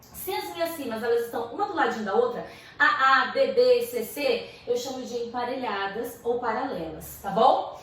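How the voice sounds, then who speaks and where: A woman's voice: on the high side, expressive, normal speed, recorded from a distance. A young Brazilian woman with a Brazilian Portuguese accent, teaching a literature lesson in a chatty, slangy way with playful asides. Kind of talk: casual video lesson. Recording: echoey room, voice from off-mic.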